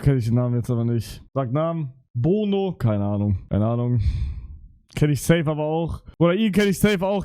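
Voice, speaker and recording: A man's voice: medium pitch, dark tone, smooth. A young man streaming live, chatting casually in heavy street slang with swearing, rambling and flustered. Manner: slangy, swearing, repeats "Digga" and "Bruder".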